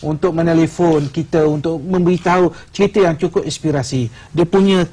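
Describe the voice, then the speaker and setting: A Malaysian man hosts a talk show and keeps the conversation moving with short affirmations between speakers. His voice sits fairly high and has a husky, breathy grain. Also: steady tone, fairly quick, dark tone. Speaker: host.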